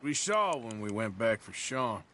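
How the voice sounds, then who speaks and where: A dry, slow-talking western outlaw. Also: male voice, medium pitch, very animated, a bit bright, a little hiss or hum. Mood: wry. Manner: dry, unhurried, wry.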